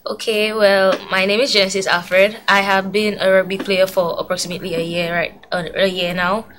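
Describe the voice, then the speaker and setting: A young woman who plays rugby introduces herself on a live sports talk show. She speaks softly and hesitantly at a middle pitch, and faint noise runs under the recording. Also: level tone, moderate pace. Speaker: rugby player, studio guest.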